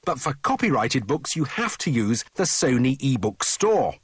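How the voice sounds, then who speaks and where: A man presenting a tech review in a brisk, explanatory voice-over. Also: medium pitch, sing-song, husky, no echo.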